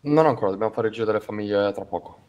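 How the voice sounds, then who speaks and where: A man's voice: lowish voice, rapid-fire, darkish tone, dull audio, voice pushed down. A man speaking through a voice changer, playing a male gang drug courier in a roleplay game. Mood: businesslike. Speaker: roleplay character, drug dealer. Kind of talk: in-character roleplay chat.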